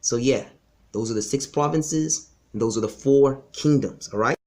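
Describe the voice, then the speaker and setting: A man's voice: medium pitch, moderate pace, darkish tone. A man gives a history lecture straight to the camera in a mid-range voice. He talks emphatically and insistently, and he often doubles back on his words. He sounds like an instructor correcting his students. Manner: emphatic, insistent, frequent restarts. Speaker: martial arts instructor.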